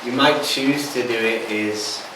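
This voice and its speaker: A man's voice: medium pitch, unhurried. A man teaching hypnotherapy informally and answering questions, with loose, hesitant conversational phrasing. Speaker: hypnotherapy instructor. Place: reverberant room. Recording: distant mic in echoey, noisy room.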